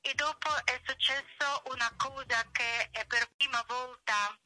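A woman correspondent heard over a phone on speakerphone, reading a news report in a halting way with many filler pauses. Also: high voice, steady tone, bright, forceful tone.

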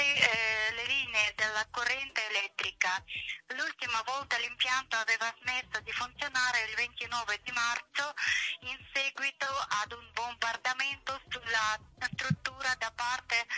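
A woman phones in to a live broadcast and comes through on speakerphone. Her voice is high and very bright. She reads her news report haltingly, pausing often on fillers. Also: low-quality recording. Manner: halting, many filler pauses. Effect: heard over a phone on speakerphone. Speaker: correspondent.

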